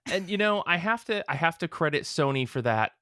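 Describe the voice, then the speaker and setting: A podcast host trades casual, joking banter, rambling and frequently cutting himself off mid-sentence. His slightly high voice is expressive, pushed, and bright, a little fast, recorded in studio quality with no echo.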